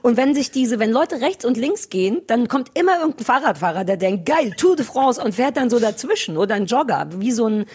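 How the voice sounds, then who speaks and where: Casting: quick, slightly breathy woman, playful rambling co-host on a video-call podcast. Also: on the high side, animated, a little mellow. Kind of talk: casual chat over video call.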